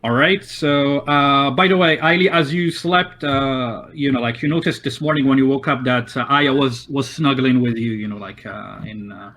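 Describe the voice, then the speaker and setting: A man narrating as game master of a tabletop game, halting with many fillers and restarts. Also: medium pitch, a bit bright, slight background noise.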